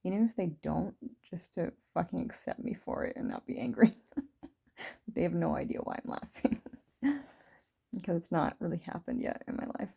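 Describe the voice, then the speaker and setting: A woman in her thirties talking through her feelings in a rambling, reflective video diary, full of fillers and soft laughs. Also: fairly low pitch, expressive, moderate pace, vocal fry, slightly rough. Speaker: vlogger. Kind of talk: reflective personal diary talk.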